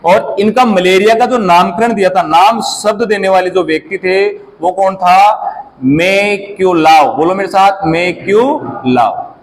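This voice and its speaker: A man's voice: high voice, steady tone, moderate pace, few pauses, low-quality recording. A man teaching a competition exam class, quizzing students and having them repeat key terms back to him. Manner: quizzes the class with repeated call-and-response prompts. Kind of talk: classroom lecture.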